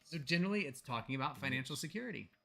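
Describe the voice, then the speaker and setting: Man, American accent, bright tone, casual tarot reading, playful, lots of ums. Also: mid-range voice, lively intonation, rapid-fire, gravelly. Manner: playful, reads cards aloud with frequent ums. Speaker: podcast co-host reading tarot. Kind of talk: casual livestream chat.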